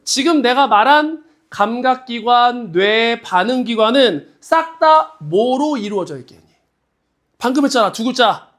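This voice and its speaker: Man, biology teacher, classroom lecture, teasing, quick questions, animated pitch. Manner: casual and teasing, fires quick questions at students. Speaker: high school biology teacher.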